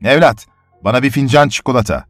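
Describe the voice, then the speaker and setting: A man voicing a vain, pompous middle-aged army major who exclaims loudly and boastfully. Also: fairly low pitch, lively intonation, moderate pace, no room sound, faint music behind, natural voice.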